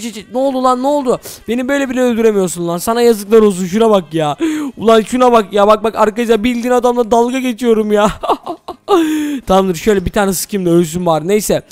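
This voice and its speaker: A man hosting a Minecraft role-play, talking excitedly to his viewers as "friends". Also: high-pitched. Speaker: gaming channel host.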